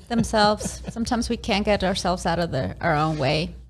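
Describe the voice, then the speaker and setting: A young adult woman, half Argentinian and half Ecuadorian, chats casually as an interview guest. Her fairly low voice moves a little slowly over a slight hiss or hum, and she laughs often and fills pauses with ums.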